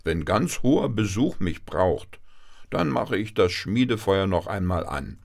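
A man voicing an old, playful grandfather blacksmith in a children's bedtime story, with gruff humming pauses and a musing manner. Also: deep voice, very animated, heavily acted.

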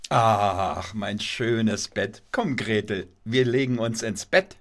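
A man's voice: lowish voice, slow. A man voicing Kasper, a mischievous puppet husband who teases his wife by mishearing her, in a puppet play. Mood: teasing. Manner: playful, feigns mishearing, whiny when scolded.

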